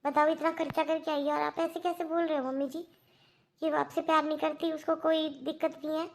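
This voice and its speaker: A woman's voice: sits high, level tone, brisk, slight background noise. Woman voicing an earnest, firm daughter-in-law. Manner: earnest lecturing.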